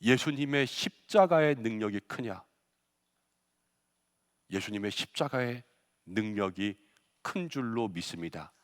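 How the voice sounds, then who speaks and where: A man's voice: on the low side, lively intonation, measured pace, long pauses. A male pastor preaching a Good Friday sermon, acting out quoted lines with rising force. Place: church sanctuary. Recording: long church reverb.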